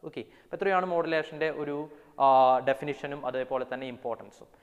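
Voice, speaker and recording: A man with a rather high voice lectures students in a long echo. He explains step by step, slowly reading out English definitions, mixing English terms into his speech and checking in with "alle?".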